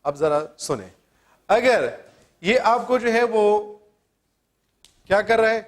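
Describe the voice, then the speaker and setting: High-voiced man teaching spelling rules. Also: lively intonation. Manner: asks questions then answers them, spells out letters. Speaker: English teacher. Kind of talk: classroom grammar lesson.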